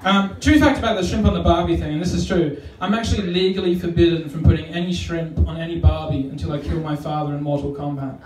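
An Australian man with a notably high voice performs stand-up, rambling and mocking himself with plenty of fillers. He is picked up from a distance on a live club stage, and the room adds a clear echo. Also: steady tone, fast, hardly any pauses, a little mellow. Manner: rambling, self-deprecating, many fillers. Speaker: stand-up comedian. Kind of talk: stand-up comedy set. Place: comedy club stage, indoors. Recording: roomy live club sound from far off.

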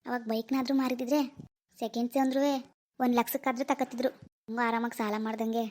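A woman voicing an easygoing young village husband in a cartoon, talking fast and chatty. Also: a little high, little pitch movement, a little mellow, a little hiss or hum, natural voice. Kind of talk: cartoon voice acting.

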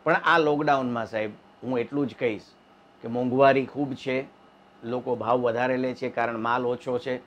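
A man telling jokes in an animated stand-up comedy monologue. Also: moderate pace, a little hiss or hum. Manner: animated storytelling, wife voices in high falsetto. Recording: dull lo-fi sound.

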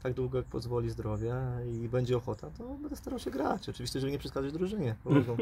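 A man in his forties, a football coach, interviewed outdoors by the pitch, talking fast and hedging with repeated fillers. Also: lively intonation, gravelly, mellow, a little hiss or hum. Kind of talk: post-match interview. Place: outdoors by a pitch, under a dugout shelter.

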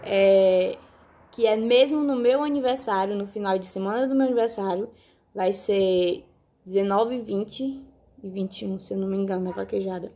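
A woman's voice: medium pitch, moderate pace, mellow. A woman, chatting casually to her viewers on a phone video, often checking in with them and repeating herself. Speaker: vlogger. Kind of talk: casual vlog talk to viewers. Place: countryside home.

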